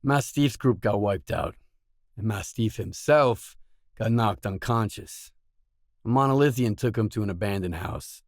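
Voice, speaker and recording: A man with a fairly low voice reads scripted lines for a terse, guarded video game mercenary, unhurried and matter-of-fact. The studio-quality recording has no echo.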